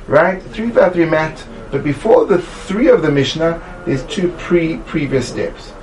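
A man teaching a Talmud study class, emphatic and animated, acting out little voices to make his points. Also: a little high, unhurried, slight background noise. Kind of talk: classroom lecture.

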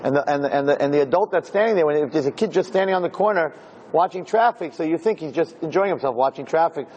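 A rabbi gives an informal Torah class in a lecture room full of listeners, speaking emphatically and firing many rhetorical questions at them. His voice is on the high side, fast and a little mellow, on a lo-fi recording with a little hiss or hum.

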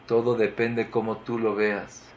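A man giving a sermon, telling a story and shifting between emphatic lines and quiet ones. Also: on the low side, flat delivery, measured pace, a little hiss or hum.

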